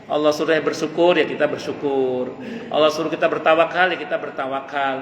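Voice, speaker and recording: A man with a fairly high, fairly even voice speaks a little quickly, delivering an earnest, conversational sermon in a mosque hall where he poses questions and answers them himself. The preacher's words ring through the echoey hall with a long reverb.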